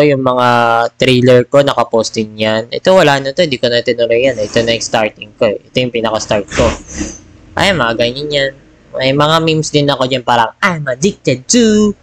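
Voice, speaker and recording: A man's voice: mid-range voice, fairly even intonation, moderate pace, fairly bright tone, dry recording. Casual rambling man on a dry headset mic. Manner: rambling, mixes Tagalog and English. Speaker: gaming vlogger. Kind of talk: casual chat.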